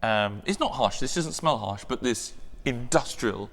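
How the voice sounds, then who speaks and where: A man's voice: mid-range voice, expressive, a little slow, gravelly, fairly bright tone, long reverb tail. A man chatting enthusiastically as co-host of a perfume review, rambling with many restarts. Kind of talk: casual chat.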